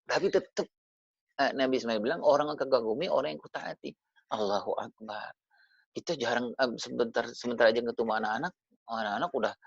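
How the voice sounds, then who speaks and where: Gravelly-voiced man giving a parenting talk. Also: mid-range voice, no room sound. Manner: chatty, addresses listeners directly with tag questions. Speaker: parenting speaker. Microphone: video call. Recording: dull lo-fi video call audio.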